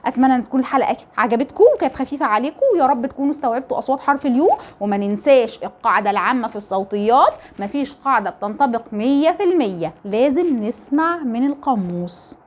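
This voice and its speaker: A woman's voice: a little high, rapid-fire, few pauses. A woman with an Egyptian Arabic accent teaching English pronunciation, explaining step by step and asking rhetorical questions. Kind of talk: phonetics lesson.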